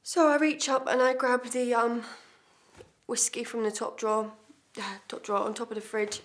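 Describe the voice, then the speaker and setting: A woman's voice: fairly high pitch, level tone, moderate pace, close to an everyday voice. A woman acting a blunt, defiant woman, confessing under questioning in a swearing, hesitant self-tape monologue. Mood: cold defiant. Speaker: actor.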